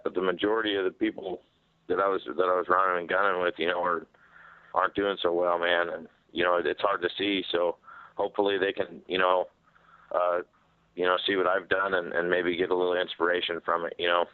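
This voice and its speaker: A man speaking as a fighter in a media interview over a telephone, answering candidly in a halting way and repeating words. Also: sits low, no room sound. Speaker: professional MMA fighter being interviewed. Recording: muffled narrow-band phone conference line.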